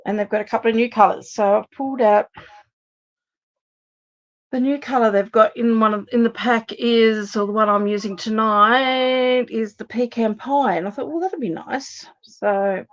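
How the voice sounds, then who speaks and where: She's an Australian woman leading a casual live card-making demonstration, chatting with viewers and thinking out loud as she goes. Her voice sits a little high and moves at normal speed, a bit worn because she's slightly losing it. The recording has its highs cut off.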